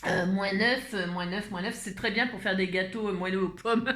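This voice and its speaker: A woman's voice: medium pitch, moderate pace, a bit bright, roomy sound. A woman from Burgundy with a Burgundian French accent, chatting through a craft tutorial in a rambling way and often laughing at herself. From Burgundy, France. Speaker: craft vlogger. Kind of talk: casual chat and craft tutorial. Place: indoor room away from home.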